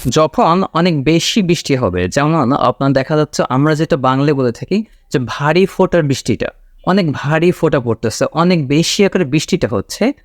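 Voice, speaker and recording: A man with a fairly high voice gives a casual spoken lesson, explaining patiently and repeating each key word. He checks in often with his listeners. The sound is dry and close, with no room echo. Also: animated, normal speed. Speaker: English teacher.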